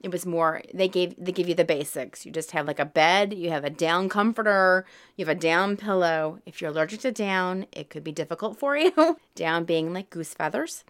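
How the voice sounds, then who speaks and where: A woman in her forties with a Southern US accent, a high school math teacher chatting candidly in an interview and laughing often. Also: normal speed, hardly any pauses, fairly bright tone. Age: 40s. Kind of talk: casual interview.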